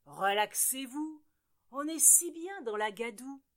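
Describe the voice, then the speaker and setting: A woman's voice: high-pitched, lively intonation, slow pace. A woman doing a giggly little piglet in mud. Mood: gleeful. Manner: giggly, carefree, delighted. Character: cheerful little male piglet who loves mud.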